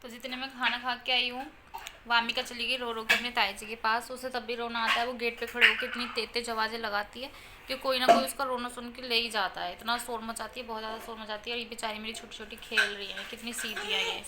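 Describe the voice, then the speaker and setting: A woman's voice: on the high side, little pitch movement, fast talker. Chatty woman vlogging at home, noisy. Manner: chatty, playful with her children. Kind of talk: casual chat to viewers.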